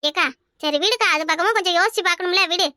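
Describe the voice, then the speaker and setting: A peacemaking young village woman, as a woman voices her for a cartoon, speaking Kanyakumari Tamil. She sounds very high and bright, and talks quickly. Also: no echo, clean studio sound. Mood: soothing. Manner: soothing, placating. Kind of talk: cartoon voice acting.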